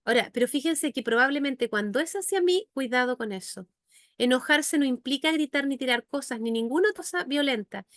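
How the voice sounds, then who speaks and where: A woman with a high, bright-toned voice delivers a faith-based teaching talk as a psychologist and educator. She speaks earnestly, turning to her listeners again and again with rhetorical questions. The recording is close and dry, with no room sound. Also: lively intonation, a little fast, no echo.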